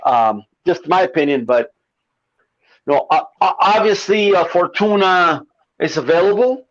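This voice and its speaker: A man calling in to a boxing talk show. He sounds like he is on a CB radio, and he talks casually in a halting way, often repeating words and restarting. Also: high-pitched, lively intonation, fairly bright tone. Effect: sounds like talking over a CB radio. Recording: muffled lo-fi call-in line.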